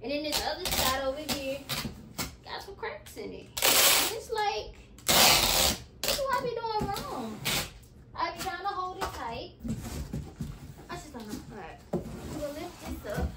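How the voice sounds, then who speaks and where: With a very high, sing-song voice, a woman in her twenties chats unhurriedly to a camera on the floor, pausing often. She's vlogging casually from her nursery at home while sorting clothes and packing boxes, and the audio is very noisy.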